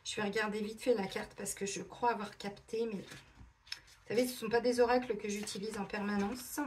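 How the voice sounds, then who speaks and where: A middle-aged woman doing a casual oracle card reading, chatty and animated, acting out little imagined dialogues. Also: mid-range voice, moderate pace, slight background noise. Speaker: tarot and oracle card reader.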